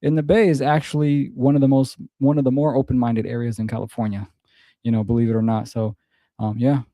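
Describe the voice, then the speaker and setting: A man's voice: medium pitch, little pitch movement, brisk, warm tone, no room sound, studio quality. A man streaming and reacting to clips, talking in a laid-back, rambling, profane way and often repeating himself. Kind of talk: casual reaction commentary.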